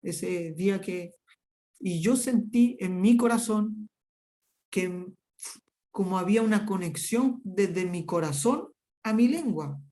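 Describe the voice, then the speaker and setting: A man's voice: high-pitched, warm tone. A man teaching a Bible lesson and sharing a personal testimony, earnest and emphatic, often repeating words in long runs.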